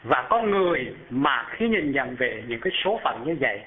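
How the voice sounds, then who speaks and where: A man preaching and telling a Buddhist story to an audience, often asking them questions and lifting his voice high as he describes things. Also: normal speed. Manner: animated, asks the audience questions, rises high when describing. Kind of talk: storytelling sermon. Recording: tinny phone-like sound. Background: live audience.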